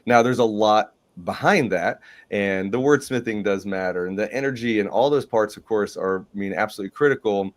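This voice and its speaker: Male host, lower voice, upbeat and emphatic, business training talk. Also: fairly quick, few pauses. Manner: enthusiastic, emphatic, frequent "right?". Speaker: podcast host.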